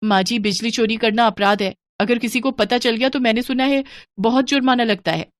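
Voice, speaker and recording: Cartoon story: young daughter-in-law, voiced by a woman, raised pitch, pleading. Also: fairly even intonation, brisk, no echo, clean studio sound, lightly acted. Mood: worried. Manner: pleading, politely complaining. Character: young daughter-in-law, patient but protesting.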